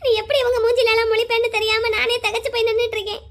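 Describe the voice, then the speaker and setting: A woman's voice: very high voice, little pitch movement, racing. A woman voicing a fretful, protective old grandmother in a cartoon drama, lamenting and exclaiming. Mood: anxious. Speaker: grandmother called Aachi. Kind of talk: cartoon voice acting.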